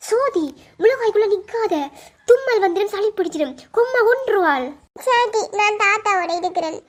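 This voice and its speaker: Casting: woman playing a shrill, pleading little girl, Sri Lankan Tamil accent, very high. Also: lively intonation, moderate pace. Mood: upset.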